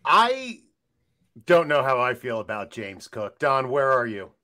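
A man hosting a fantasy football podcast who talks in a relaxed way and calls on each panelist in turn. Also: mid-range voice, a little slow. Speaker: podcast host. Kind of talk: casual podcast chat.

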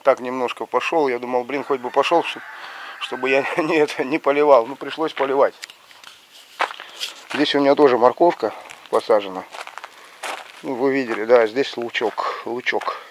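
A man's voice: steady tone, moderate pace, pauses often. A middle-aged man with a slushy lisp on his s and sh sounds, talking casually to a handheld camera outdoors in a village yard. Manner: slushy lisp on s and sh sounds after a pulled lower tooth. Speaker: village life vlogger. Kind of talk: casual rambling vlog chat. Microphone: action camera held at arm's length. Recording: outdoor camera audio with background noise.

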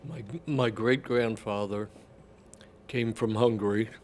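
A man in the audience speaking slowly and hesitantly. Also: on the low side, fairly even intonation, darkish tone, a little hiss or hum. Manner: slow and hesitant. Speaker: audience member. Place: library meeting room. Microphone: far camera.

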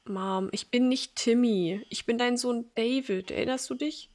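A woman's voice: a little high, a little slow, darkish tone, voice pushed up, close to an everyday voice. A woman reading the lines of a polite, awkward young man in a game, speaking hesitantly and apologetically. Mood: apologetic.

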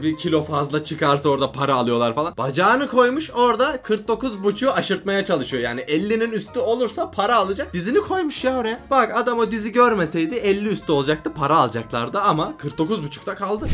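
A man's voice: high-pitched, a bit bright. Guy reacting to funny clips, teasing everyone on screen, bouncy voice, music playing under him. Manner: joking, teasing the people on screen. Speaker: YouTuber reacting to videos. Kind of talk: comic reaction commentary.

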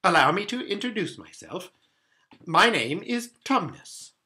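Mr Tumnus, fussy high-pitched faun played by a man. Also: big pitch swings, measured pace, bright, forceful tone, full character voice. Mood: flustered, delighted. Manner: fussy, polite, stammering and repeating himself. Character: courteous, flustered young-hearted male faun, eager to please. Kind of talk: children's storybook reading.

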